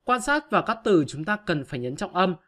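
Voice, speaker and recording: A man's voice: sits high, big pitch swings, fairly quick, a bit bright. A male teacher giving an online grammar lesson, patiently explaining step by step to his pupils.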